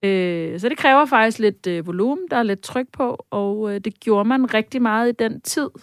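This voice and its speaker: A woman's voice: on the high side, no echo. Vocal coach lady, chatty, lots of uhs, belts out little examples, dry close mic. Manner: lively, demonstrative, often sings out examples; frequent hesitation fillers. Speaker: vocal coach and session singer. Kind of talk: casual interview.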